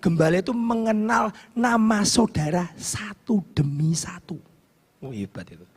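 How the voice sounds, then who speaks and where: A man preaching a sermon as pastor, fervent, swinging between loud shouts and hushed asides. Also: sits high, expressive, moderate pace, husky. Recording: long hall reverb.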